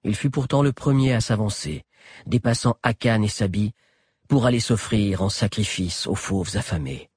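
A man's voice: on the low side, moderate pace, a little mellow, husky, no room sound, clean studio sound. A man narrating an adventure story as an audiobook, telling it expressively. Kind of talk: scripted narration.

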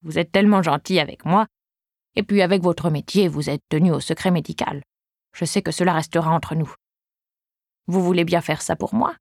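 A woman's voice: fairly low pitch, steady tone, moderate pace, vocal fry, a little mellow, no echo, clean studio sound. A woman voicing a chatty sweet old lady. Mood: pleading. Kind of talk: audiobook reading.

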